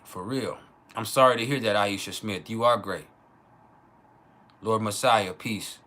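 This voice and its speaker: A man's voice: on the low side, unhurried, bright, forceful tone. A man hosting an astrology livestream in a casual, profane, slangy monologue, repeating phrases for emphasis.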